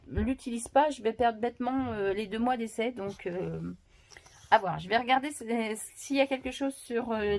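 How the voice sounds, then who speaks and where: A woman with a slightly high voice chats at home in a casual book vlog, rambling with plenty of fillers and restarts. Now and then she breaks off to coax her dog in a tender tone. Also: a little mellow. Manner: chatty, many fillers and restarts, talks fondly to her dog. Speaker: book vlogger.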